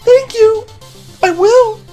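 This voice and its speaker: A man voicing an eager fifteen-year-old princess in a video game, exclaiming loudly in falsetto. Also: slow pace, soft background music.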